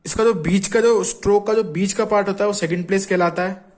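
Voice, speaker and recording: A man's voice: high-pitched, steady tone, quick pace, darkish tone. A man teaching shorthand in a patient tutorial, repeating each sound aloud as he writes and often checking in with his viewers. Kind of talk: Hindi tutorial explaining strokes.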